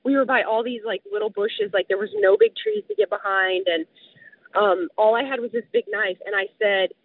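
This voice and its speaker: This woman's voice is a little high and gravelly, expressive, and moderately paced. As a guest, she vividly tells a casual survival story about a close call, leaning on "like" as a frequent filler. The recording is dry and tinny, as if over a phone.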